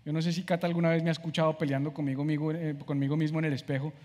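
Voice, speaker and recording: High-voiced pastor in a hall. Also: male voice, flat delivery, very fast, a little mellow. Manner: conversational preaching, acts out talking to himself. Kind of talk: sermon.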